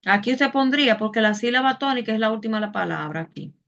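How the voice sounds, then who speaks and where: A woman's voice: fairly high pitch, expressive, fast, creaky, a bit bright. Patient woman teacher on a dull call. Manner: patient, explains step by step with questions. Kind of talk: online Spanish class.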